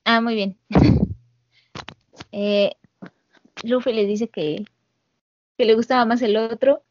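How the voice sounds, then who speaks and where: A woman's voice: a little high, fairly even intonation, takes it slowly, a little mellow. A woman hosting a casual anime recap chat, laughing often and acting out lines over an online call mic. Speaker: podcast host recapping an anime. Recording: slightly dull, dry call audio.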